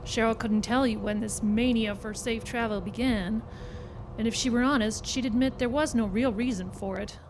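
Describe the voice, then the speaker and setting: A woman with a fairly high voice and steady tone reads a scripted story at normal speed as dramatic narration. She performs before a live audience at a club, and the recording picks up plenty of crowd noise.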